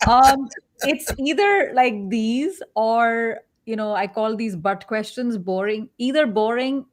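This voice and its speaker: Animated, sarcastic woman with an Indian accent. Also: a little high, slow. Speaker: guest career coach. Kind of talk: casual panel chat.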